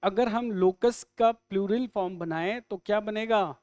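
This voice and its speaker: A man teaching English in a live online exam-prep lesson, quizzing students with quick questions and jokes. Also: sits high, darkish tone, smooth, dry recording.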